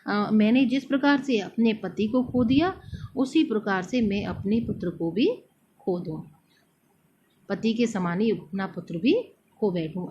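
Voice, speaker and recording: A woman teacher reciting poem verses slowly and then explaining them line by line, often pausing with fillers. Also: mid-range voice, a little mellow. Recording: dull lo-fi recording, faint noise.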